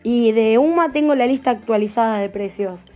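A woman's voice: a little high, normal speed, mellow, soft background music. Chatty Argentine woman teaching nail care. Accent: Argentine Spanish. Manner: chatty, keeps asking "¿sí?". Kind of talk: live tutorial talk.

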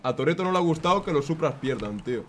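A young man giving excitable, self-mocking commentary while playing a racing game. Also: on the high side, fast talker, slight background noise. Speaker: gaming YouTuber.

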